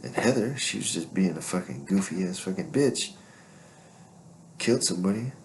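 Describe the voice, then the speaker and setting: Deep gravelly man, profane and swaggering. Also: lively intonation, moderate pace, a little mellow, slight background noise. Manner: profane, swaggering, rambling with constant fillers. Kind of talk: casual storytelling monologue.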